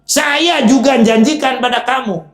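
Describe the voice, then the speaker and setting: A Javanese-accented man voicing the devil as a loud, high, brash speaker who taunts his followers in hell during a sermon. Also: measured pace, roomy sound. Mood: taunting.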